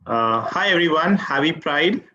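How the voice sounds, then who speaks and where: A man's voice: on the high side, lively intonation, unhurried, pushed and bright, muffled recording. A man from India, a community outreach guest on a video call, speaking hesitantly with many uhs.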